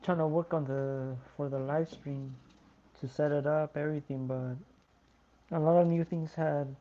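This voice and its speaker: A fan commentator calling a match live for a watch-along stream, tired and yawning, talking in a slow, low-key way. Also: steady tone, lo-fi sound. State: sleepy.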